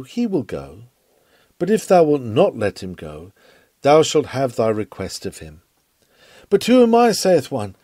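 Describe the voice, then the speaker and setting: A man reads an old sermon aloud, giving it an earnest preaching delivery full of dramatic swells of emphasis. His voice is medium-pitched and dark in tone, and the recording is dry.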